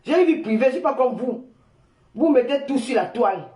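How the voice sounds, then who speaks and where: An older woman, loudly mocking and insulting someone in a heated, repetitive live-stream rant. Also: on the high side, lively intonation, a little fast. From Cameroon. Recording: echoey room.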